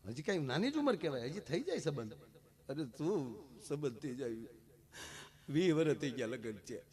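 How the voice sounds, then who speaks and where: A man with a Kathiawadi Gujarati accent telling a comic folk story to a live audience, animated and punchy, with repeated direct address. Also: a little high, moderate pace.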